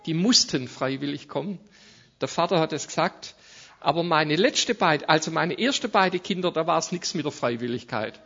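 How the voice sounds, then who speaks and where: A man's voice: a little high, expressive, normal speed, fairly bright tone, highs cut off. A man preaching a conversational sermon as a guest speaker, with frequent tag questions and restarts. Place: church service.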